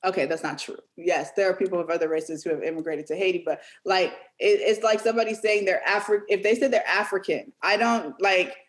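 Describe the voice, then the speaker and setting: A woman co-hosting a casual podcast discussion, asking probing, animated questions. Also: lowish voice, fairly quick, few pauses. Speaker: podcast co-host.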